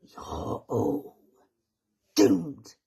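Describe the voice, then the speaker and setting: A woman voicing a menacing demoness villain who talks in slow, whispery threats broken by cackling laughs. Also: very deep voice, huge pitch swings, vocal fry, dark tone, exaggerated voice. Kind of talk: villain promo.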